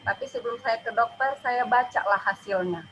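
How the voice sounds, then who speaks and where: A young woman giving an emotional personal testimony in church, halting and often adding a soft "ya". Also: a little high, highs cut off, a little hiss or hum.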